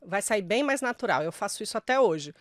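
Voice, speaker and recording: A middle-aged woman with a Brazilian Portuguese accent speaks straight to the viewer, a journalist sharing voice-over tips in an emphatic, friendly way. Her voice sits at an ordinary mid pitch. The recording is dry and close, with no room around it. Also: lively intonation, fairly quick, no echo. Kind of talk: direct-to-camera voice tips.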